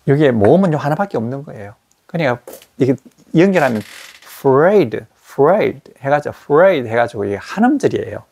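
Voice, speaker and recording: A man lecturing in a small classroom, his voice gravelly and husky. His pitch moves in a lively way as he slowly repeats English words aloud so students can hear each sound. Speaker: English teacher.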